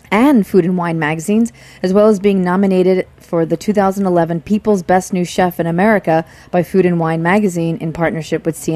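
A woman with a fairly low, mellow voice co-hosts a radio talk show. She reads a guest's background in a steady, even way. The sound is dry and close. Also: no room sound. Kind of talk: casual radio talk, reading a bio.

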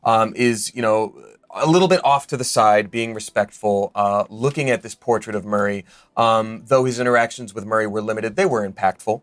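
A man's voice: lowish voice, normal speed, no room sound. A guest player, a man, hesitantly describing his tabletop character with many fillers.

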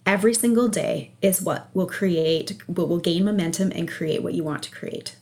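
A woman with a slightly low voice answers as a guest coach in an interview. She explains things conversationally, checking in for agreement as she goes. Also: normal speed, a little mellow. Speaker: energy and life coach, podcast guest.

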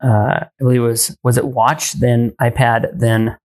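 A man co-hosting a tech podcast, talking casually in a rambling, hesitant way with many pauses and frequent laughs. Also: mid-range voice, little pitch movement, darkish tone. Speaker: podcast co-host.

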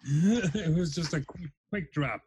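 A man hosting a casual podcast chat, running through lists quickly and laughing often. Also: fairly high pitch, darkish tone, breathy edge, dry recording, rough recording. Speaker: podcast host.

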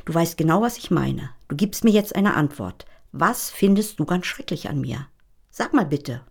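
A woman's voice: low-pitched, lively intonation, moderate pace, vocal fry, slightly rough, exaggerated voice. A woman reading as a bold, goading woman. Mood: challenging. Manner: read aloud from a script, firm and insistent. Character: bold, provocative adult woman goading a child.

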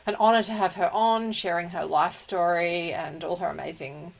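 A woman co-hosting a fan podcast, talking in a bubbly, gushing way. Her chat is loose and excited, full of enthusiastic asides. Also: lowish voice, normal speed, vocal fry. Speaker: podcast co-host. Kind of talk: casual chat.

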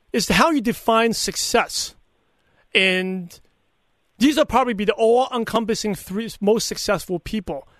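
A middle-aged podcaster and coach appears as an interview guest, speaking earnestly and emphatically and sharing personal anecdotes in a conversational way. He has a mixed Brooklyn and Chinese accent and a lisp, and his voice sits high and a bit bright, in studio-quality sound with no echo.

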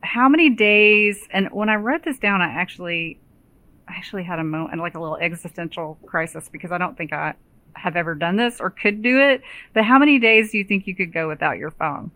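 An American-accented woman hosting a podcast, conversational and expressive, with emphatic reactions. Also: lowish voice, a little fast, no room sound. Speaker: podcast host.

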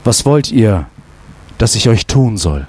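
A man doing a gentle, calm king. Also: on the low side, takes it slowly, slight background noise, pitched below the performer's own voice. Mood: tender. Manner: soft, tender, calm.

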